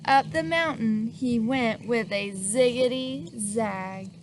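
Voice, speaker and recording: A woman with a fairly high voice reads a children's picture book aloud slowly and with animation. She pauses to ask the listener questions and acts out the sneezes, over slight background noise.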